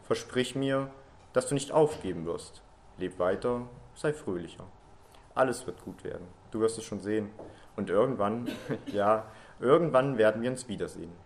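A man reading a story aloud, voicing the comforting ghost of a lost loved one who softly urges the listener not to give up. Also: on the low side, animated, moderate pace, slight background noise.

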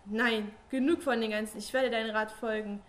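A woman reading a dark first-person story, slow and solemn, with long pauses. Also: on the high side, steady tone. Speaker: narrator.

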